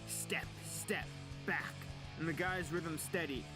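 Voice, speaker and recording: A man reads a dramatic audiobook story slowly, keeping his intonation fairly even. His voice is slightly high, and guitar music plays under him.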